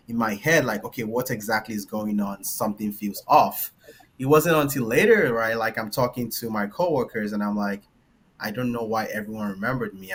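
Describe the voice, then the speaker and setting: A Nigerian man with a light accent and a mid-range voice, recorded with a little hiss or hum. He's a panelist, an engineer and founder, telling a personal story casually, rambling loosely with lots of "like" and ending lines with "right?".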